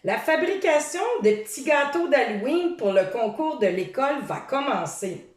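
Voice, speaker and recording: A woman's voice: high voice, animated, moderate pace, pitched above the performer's own voice. A woman reading aloud, voicing a confident young man who leads his friends. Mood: eager. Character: confident young male group leader. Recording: roomy, distant from the mic.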